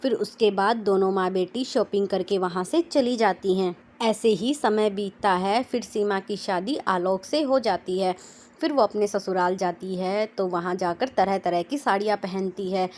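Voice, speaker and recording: A woman narrating a scripted moral story in a steady, plain storytelling manner. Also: mid-range voice, moderate pace.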